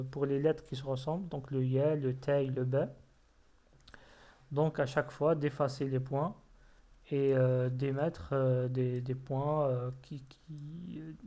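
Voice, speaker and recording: Slow, patient man teaching reading. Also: mid-range voice, mellow. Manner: patient, repeats words syllable by syllable. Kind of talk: slow explanatory lesson.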